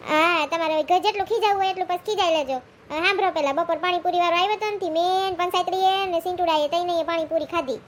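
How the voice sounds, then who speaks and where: A woman playing chatty, high-voiced village woman Kagdi. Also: a little hiss or hum. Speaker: comic lead and narrator. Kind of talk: village comedy skit.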